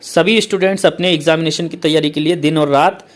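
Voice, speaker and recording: The speaker is a male English teacher covering letter format, his voice slightly high and his intonation fairly even. He is patient and repetitive, reading English lines slowly and then explaining, with "okay, friends" coming up constantly.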